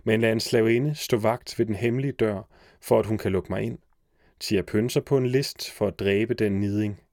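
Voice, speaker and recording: A man's voice: lowish voice, fairly even intonation, a little mellow, no echo, clean studio sound, lightly acted. A man voicing a young hero in a storybook reading, earnest and commanding. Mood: resolute. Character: young male hero, resolute.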